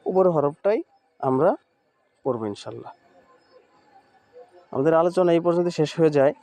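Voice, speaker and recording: A man teaching Quran reading in an online lesson, patiently spelling out Arabic letters and repeating words slowly. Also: fairly high pitch, mellow. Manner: Arabic letter names in Bengali speech.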